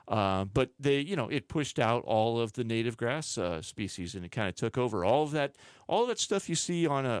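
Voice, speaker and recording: A man in a radio studio, talking through his playlist in a relaxed, wandering way. His voice sits at a middle pitch. The sound is dry and close, with no room around it. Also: smooth, dry recording. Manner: relaxed, rambling, many fillers. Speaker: radio DJ host. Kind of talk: casual radio chat and back-announcing.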